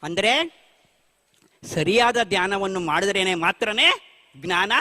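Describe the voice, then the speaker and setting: A man's voice: high voice, expressive, a little slow, bright, forceful tone. A middle-aged man gives a spiritual talk on meditation. He asks his audience questions and then answers them himself. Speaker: meditation teacher. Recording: long hall reverb.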